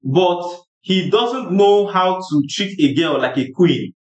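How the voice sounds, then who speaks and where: A man's voice: sits high, expressive, slow pace, muffled recording. A man hosting a casual group chat, often repeating and rephrasing himself. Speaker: host reading anonymous messages. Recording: echoey room.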